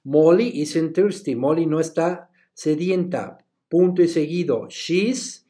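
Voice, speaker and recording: Guy teaching english, talks real slow, spells stuff out letter by letter. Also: on the high side, warm tone. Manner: switches between Spanish and English. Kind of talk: recorded class lesson.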